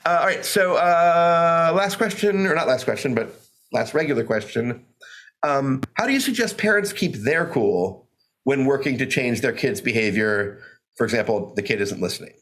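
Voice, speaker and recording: A man's voice: mid-range voice, lively intonation, moderate pace, fairly bright tone. Chatty male podcast host. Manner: loose and chatty, full of "like" and restarts. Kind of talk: casual podcast chat.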